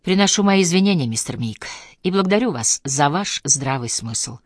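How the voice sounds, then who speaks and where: A woman reading the part of a composed young solicitor on trial, speaking with gentle irony. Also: sits low, animated, moderate pace, husky, no echo, studio quality. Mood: wry calm. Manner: wry, composed, gently sarcastic. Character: young man, calm ironic solicitor on trial. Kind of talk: audiobook character voice.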